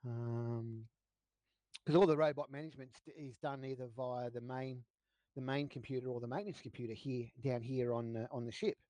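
A man running a tabletop game as game master, speaking in halting phrases with frequent restarts. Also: medium pitch, steady tone, dark tone, no room sound. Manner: halting, many restarts and fillers.

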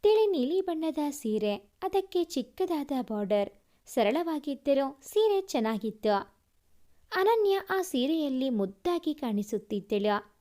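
A woman narrating a scripted story in a measured reading voice. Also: high-pitched, big pitch swings, warm tone.

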